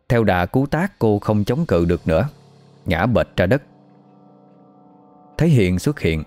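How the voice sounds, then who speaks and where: A man narrating a story in a steady, dramatic audiobook style. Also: lowish voice.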